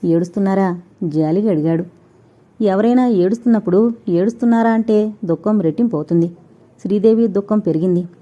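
A woman narrating a novel in a slow, measured, expressive reading. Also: medium pitch. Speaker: audiobook narrator. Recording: dull lo-fi recording.

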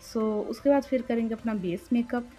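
A young woman narrating her makeup tutorial as a voice-over, speaking slowly and softly at night with a chatty, friendly manner. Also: fairly high pitch, faint music behind. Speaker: beauty vlogger. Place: room in a house by a main road at night. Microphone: home voice-over recording.

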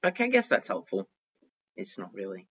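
This gaming video host has a deep, husky, fairly bright voice whose pitch swoops wildly as he talks a little fast. He gives chatty, excitable commentary, muttering to himself and repeating phrases through a dull, lo-fi mic.

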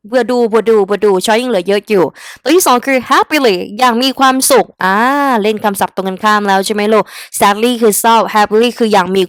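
A woman's voice: medium pitch, dry recording. A young woman with a Thai accent, teaching English vocabulary in a chatty way and addressing her students directly. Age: young adult. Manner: chatty, talks straight to the students as "kids", mixing English words into her lesson. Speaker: English tutor. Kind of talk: exam-prep vocabulary lesson.

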